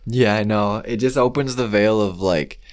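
A man's voice: fairly low pitch, normal speed. A man co-hosting a casual podcast chat in a jokey, easygoing conversational way. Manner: jokey, laughs often. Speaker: podcast co-host.

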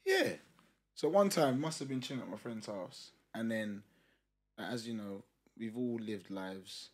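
A man's voice: lowish voice, animated, measured pace. A young man with a London roadman accent, chatting casually and telling anecdotes in a slangy, teasing way. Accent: London, urban roadman slang accent. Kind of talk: casual banter and anecdote chat.

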